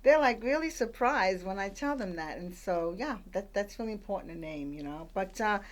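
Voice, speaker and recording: A woman's voice: medium pitch, expressive, moderate pace. An older woman from Puerto Rico, raised in the Bronx, chatting as a radio guest with many fillers and restarts as she tells her life story. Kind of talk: conversational storytelling.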